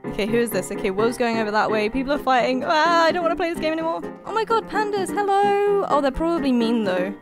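A high-voiced woman narrates her video game as she plays it, excitable and quick to panic. She repeats phrases in rapid bursts and laughs often, with music playing clearly underneath. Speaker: gaming YouTuber. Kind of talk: live gameplay commentary.

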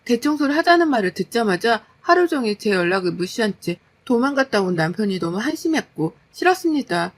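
A woman's voice: on the high side, very animated, brisk, few pauses. A woman narrating a personal story in a plain, confiding retelling.

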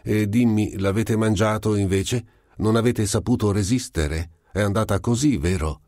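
A curious Martian asks questions with a teacher's patience, pitched well above the deep natural voice of the man reading it. The questions come steadily and never turn harsh. The recording is dry and close, as in an audiobook. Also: normal speed, a little mellow, no echo, natural voice. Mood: questioning. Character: calm pure male Martian visitor, puzzled and patient.

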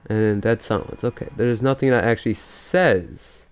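A man giving casual, excitable commentary while playing a shooter game, swearing and thinking aloud. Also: fairly low pitch, normal speed, smooth, soft background music. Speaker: gamer.

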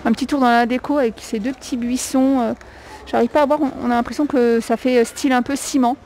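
Soft background music plays under poor audio as a woman vlogs her way through a discount store on a handheld camera. Her voice is a little high, fast, steady and darkish; she speaks French with a non-native accent, chatting hesitantly and listing prices with many fillers. She's an adult with a young child.

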